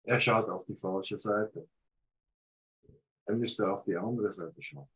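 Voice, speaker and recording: On a low-quality recording, a man from Switzerland who has a cold critiques flyer photos bluntly over a casual video call, using fillers as he hesitates. His slow, low-ish voice is fairly bright with a breathy edge; he's a photographer giving feedback.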